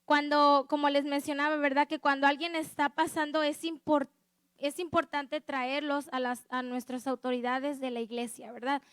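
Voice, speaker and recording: A woman gives an earnest, conversational sermon built on her own testimony, often pausing to ask her listeners if they agree. Her voice sits high, and it is recorded close up with a dry sound and no room echo. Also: little pitch movement, fairly bright tone. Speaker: lay preacher at a church service.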